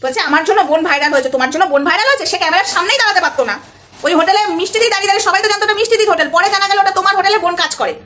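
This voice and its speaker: Give me a young woman vlogger ranting at breakneck speed in a very high, bright voice. She scolds with rhetorical question after rhetorical question and keeps hammering the same points. It should sound like heated commentary made straight to camera. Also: racing. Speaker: vlogger host.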